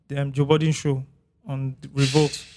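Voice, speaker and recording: A man's voice: medium pitch, little pitch movement, normal speed, darkish tone, a little hiss or hum. A Nigerian man co-hosting a casual podcast, steering the talk and slipping into pidgin. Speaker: podcast co-host. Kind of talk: casual chat.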